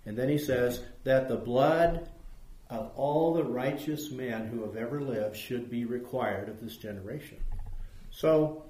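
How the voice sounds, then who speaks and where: A man's voice: mid-range voice, a little slow, warm tone, echoey room, rough recording. A man teaching a Bible study who puts questions to his listeners.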